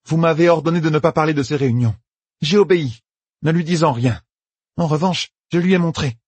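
A man's voice: on the high side, a little fast, darkish tone, breathy edge, no room sound, pitched above the performer's own voice. A man voicing a shaken woman who answers back insistently and defiantly.

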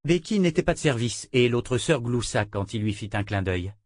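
A man's voice: mid-range voice, animated, normal speed, a little mellow, no echo. Man narrating an audiobook, dry sound. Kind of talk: scripted narration. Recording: dry close recording.

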